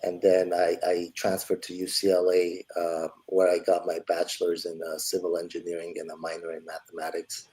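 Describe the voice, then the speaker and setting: A man in his forties from Los Angeles, answering interview questions in a relaxed way and thinking aloud with many fillers. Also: low-pitched, fairly quick, hardly any pauses, rough recording. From Los Angeles, United States. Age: 40s. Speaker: guest, entrepreneur.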